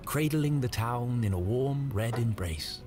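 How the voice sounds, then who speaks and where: A theatrical, wry storybook narrator for a video game, voiced by a man. His mid-pitched delivery is very animated, with music clearly underneath. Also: measured pace, lightly acted. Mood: wry, dramatic. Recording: music behind the voice.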